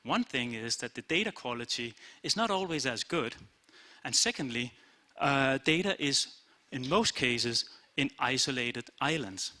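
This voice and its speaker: A Danish company CEO with a bright, mid-range voice gives a short awards talk at a conference in an event room. He speaks unhurriedly, plainly and steadily, often saying "uh" and "basically."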